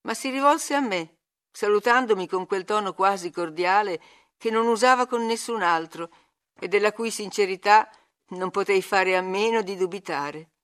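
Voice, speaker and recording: A woman narrating a classic novel for an audiobook. Her reading is measured and expressive, with an even middle pitch.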